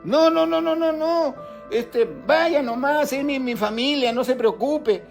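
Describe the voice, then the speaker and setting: A man's voice: very high-pitched, unhurried, gravelly, soft background music, pitched above the performer's own voice, exaggerated voice. A man voicing an insistent, pleading middle-aged woman passenger in a spoken anecdote. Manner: insistent, begging.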